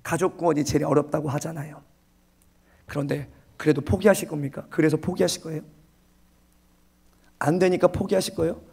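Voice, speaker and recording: Male pastor, slightly raised pitch, emphatic and repetitive sermon delivery, church setting. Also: steady tone, creaky, a little mellow, husky. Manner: emphatic, repeats phrases, acts out excuses in quick asides. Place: church sanctuary.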